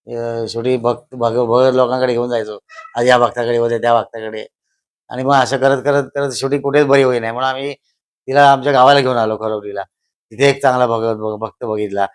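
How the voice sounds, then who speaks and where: An older man, telling stories at a slow pace and repeating phrases for emphasis. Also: mid-range voice. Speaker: guest, host's father. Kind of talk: casual storytelling.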